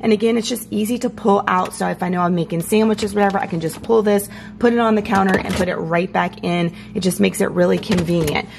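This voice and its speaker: Creaky American woman, voice giving out. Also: medium pitch, fairly even intonation, quick pace, hardly any pauses. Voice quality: strained, scratchy voice that is giving out. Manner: upbeat, informal, addresses viewers directly. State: voice giving out from allergies. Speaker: home organization vlogger. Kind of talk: casual chatty home tour vlog. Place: home kitchen, indoors. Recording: clear background hum and noise.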